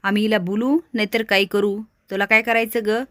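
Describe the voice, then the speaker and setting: A woman's voice: medium pitch, level tone, brisk, no echo, studio quality, close to an everyday voice. A woman doing a harsh scolding mother-in-law. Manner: scolding, sharp.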